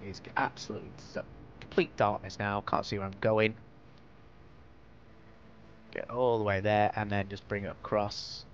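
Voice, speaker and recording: A man's voice: lowish voice, little pitch movement, normal speed, pauses often. A man from northwest England with a Lancashire accent, giving a casual, rambling, self-deprecating commentary as host of a game-building tutorial. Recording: dull lo-fi mic, clear background noise.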